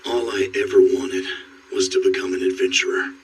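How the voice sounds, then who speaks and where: A man voicing a grim, armored male monster hunter in an anime English dub, speaking in terse, flat, clipped replies. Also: deep voice, a little fast, background noise, natural voice. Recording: distant voice under loud score.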